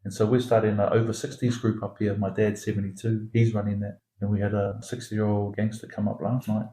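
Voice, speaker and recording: Podcast guest, male, from Singapore: warm low voice, insistent repetitive delivery, roomy sound. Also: completely flat delivery, fairly quick. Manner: emphatic, repetitive, builds points through extended metaphor. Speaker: founder of an education academy, podcast guest. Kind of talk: conversational podcast interview.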